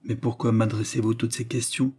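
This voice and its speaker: A man's voice: mid-range voice, level tone, a little fast, mellow, natural voice. A man reading the part of a proud, defiant noblewoman prisoner, speaking with indignant outbursts. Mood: wary.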